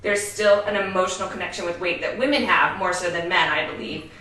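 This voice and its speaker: A woman's voice: fairly low pitch, brisk, bright, forceful tone. A woman in her forties hosting a casual talk show, speaking candidly and laughing often. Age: 40s. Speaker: host. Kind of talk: casual chat. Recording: roomy echo, mic at a distance.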